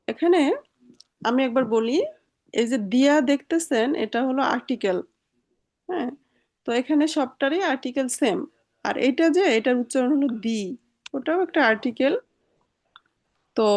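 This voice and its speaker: A woman with a fairly high voice teaches an online language class. She talks patiently and repeats each word slowly over a video call.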